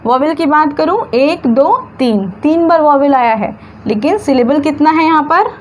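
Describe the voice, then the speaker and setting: A woman teaching English grammar, stretching words slowly into syllables and asking questions that she answers herself. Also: high voice, a little hiss or hum. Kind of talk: classroom-style grammar lesson.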